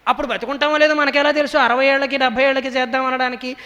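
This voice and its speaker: A young man giving a devotional discourse in a temple hall. He tells stories briskly and intones verses slowly in a chanting style. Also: very high voice, muffled recording. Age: young adult. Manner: lively storytelling, slowly intoned verse recitation. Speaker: spiritual orator. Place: temple hall during a public lecture. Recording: long hall reverb.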